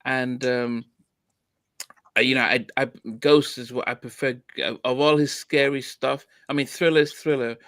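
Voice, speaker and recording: A man's voice: mid-range voice, fairly even intonation, normal speed, fairly bright tone, no echo. A man hosting a podcast, chatting casually about an album with lots of restarts. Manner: hesitant, many restarts and fillers. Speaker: podcast host. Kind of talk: casual music review chat.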